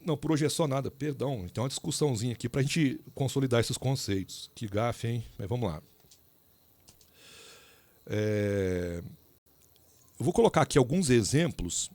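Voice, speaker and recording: A male professor talks his students through mechanics problems in a relaxed, conversational way, often breaking off and restarting as he goes. His voice is gravelly, with a fry in it. The sound is dry and close, with no room around it. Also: medium pitch, moderate pace, pauses often, no echo. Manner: informal, talks straight to students with many asides and restarts. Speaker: engineering professor. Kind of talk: recorded lecture.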